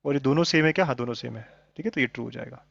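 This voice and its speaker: A man's voice: medium pitch, very fast, gravelly, a bit bright, dry recording. A man teaching maths in a live online class, often checking in with his students. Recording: dull lo-fi sound, dry.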